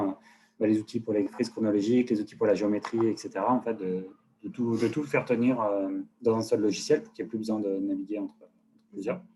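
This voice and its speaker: A man co-presenting a software webinar, explaining its features in a halting, conversational way. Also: medium pitch, slight background noise. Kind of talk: live webinar demo.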